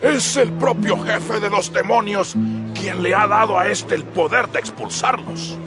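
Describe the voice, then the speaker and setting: A man putting on a gravelly scornful Pharisee. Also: high voice, unhurried, pitched above the performer's own voice. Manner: mocking, accusing. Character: scornful male Pharisee, suspicious and accusing. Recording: music bed behind voice.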